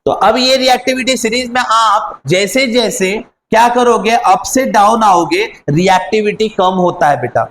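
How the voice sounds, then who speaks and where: A man's voice: high-pitched, measured pace, hardly any pauses, fairly bright tone, poor audio. A man teaching a chemistry lesson online, repeating key words and quizzing his pupils as he goes.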